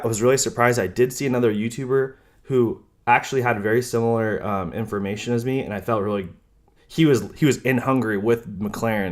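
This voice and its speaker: A young man casually talking through car options in a vlog, rambling with many ums and self-corrections, now and then sarcastic. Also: on the low side. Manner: casual, chatty, slightly sarcastic. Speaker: car vlogger.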